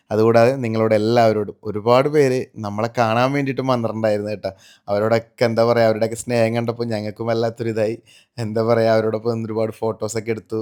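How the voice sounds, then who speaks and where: A man's voice: medium pitch, darkish tone, smooth. A man from narrates a vlog voice-over in Malayalam sprinkled with English words. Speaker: vlogger.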